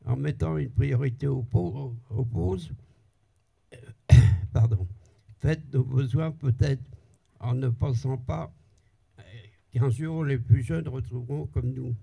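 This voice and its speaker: An older man reads his prepared text aloud, haltingly, stopping to cough and correct himself. His voice is deeply creaky and husky. He speaks slowly in a dark, heavy tone. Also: rough recording.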